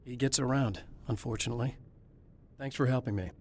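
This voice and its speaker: The horror novelist hero of this game cutscene is voiced in a natural, brisk, mid-range tone with fairly even intonation. The actor keeps him weary, determined, and wryly matter-of-fact.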